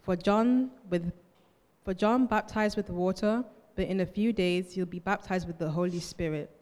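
Halting woman reading scripture in an echoing hall. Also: on the low side, a little mellow. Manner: halting, self-correcting reading. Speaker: scripture reader in church. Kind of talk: reading aloud from the Bible. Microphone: handheld microphone held close. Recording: echoey hall with long reverb.

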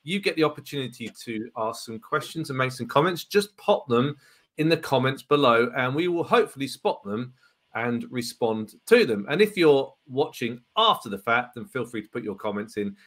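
Bright, upbeat male podcast host. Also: mid-range voice, sing-song, normal speed. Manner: chatty and upbeat, laughs easily, fillers. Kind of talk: casual live-stream chat.

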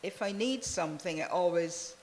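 A woman from Barbados, a church member, giving a soft, unhurried testimony in an interview. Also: fairly low pitch, in a large hall, a little hiss or hum. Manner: soft-spoken, unhurried, many "really"s.

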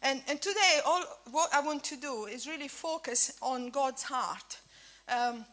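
A high, fairly bright female voice speaks at a measured pace. The speaker is in her fifties, from Italy and a native Italian speaker, with an Italian accent that has a slight Scottish tinge, and she is giving an informal church breakfast sermon riddled with fillers and restarts.

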